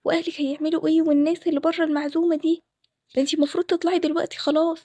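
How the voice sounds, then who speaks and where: Egyptian girl doing a jittery young best friend, high and fast, dry close mic. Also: level tone, dark tone, dry recording, natural voice. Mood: worried. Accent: Egyptian Arabic. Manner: hesitant, worried questions. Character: loyal young woman friend, nervous and hesitant.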